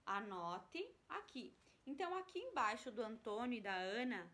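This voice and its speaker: A woman's voice: fairly high pitch, animated, normal speed, fairly bright tone. A woman teacher from Brazil, patiently walking young pupils through a workbook exercise step by step.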